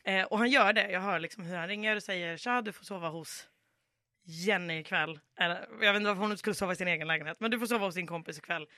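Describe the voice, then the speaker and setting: Very bright-voiced woman telling a story. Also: lowish voice, no room sound, clean studio sound. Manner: animated storyteller, acts out quoted dialogue. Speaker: podcast guest. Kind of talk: casual anecdote telling.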